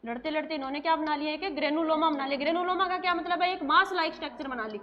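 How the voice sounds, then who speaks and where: A woman's voice: high-pitched, steady tone, very fast, muffled recording. A woman teaching a nursing class in a lecture style, asking questions and answering them herself.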